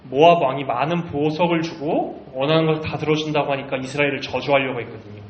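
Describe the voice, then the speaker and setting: Guy telling a bible story to kids, upbeat, echoey room, kinda dull sound, faint hiss. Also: a little high. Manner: lively, talks to the children directly. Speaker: children's ministry teacher. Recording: roomy, slightly muffled recording.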